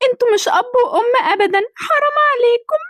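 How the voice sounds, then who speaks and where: A woman's voice: extremely high pitch, a bit bright, no echo, clean studio sound. A woman voicing a tearful young woman thief in an amateur cartoon drama, wailing and pleading. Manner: crying, wailing pleas.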